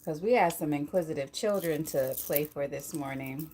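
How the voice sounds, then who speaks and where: A woman's voice: deep voice, moderate pace, warm tone, a little hiss or hum. A woman hosting a live stream before a guided meditation, greeting viewers by name in a casual, friendly way. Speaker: livestream host and sound bath guide.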